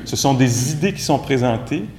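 A man with a Québécois French accent giving a relaxed, conversational Buddhist dharma talk as a meditation teacher, with gentle self-mocking humor. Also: mid-range voice, normal speed. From Quebec. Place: room with a live group. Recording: echoey room recording.

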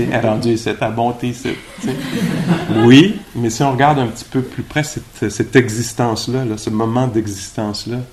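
Speaking in a low, darkish voice with a Québécois French accent, a man leads a retreat dharma talk as its meditation teacher. He keeps it loose and conversational, posing rhetorical questions as he thinks aloud, over slight background noise.

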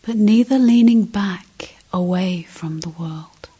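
A meditation teacher guides listeners in a soft, breathy voice of medium pitch with a slight roughness. She speaks in short, measured phrases separated by long pauses, often nearly whispering.

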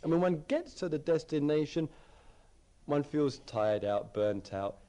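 Reflective male meditation teacher, lively pitch. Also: measured pace. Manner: reflective, repeats phrases while searching for words. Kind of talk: dharma talk at a retreat.

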